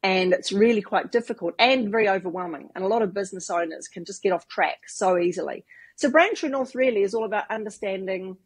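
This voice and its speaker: A New Zealand woman in her fifties, appearing as a podcast guest and branding expert, chats in a casual interview with a fast, mid-range, slightly rough voice. She explains things through long, winding examples in her New Zealand accent.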